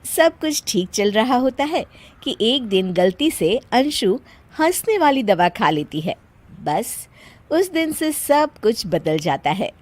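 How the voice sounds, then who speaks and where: A woman narrating a cartoon moral story in a calm, scripted storytelling manner. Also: fairly high pitch, slow pace.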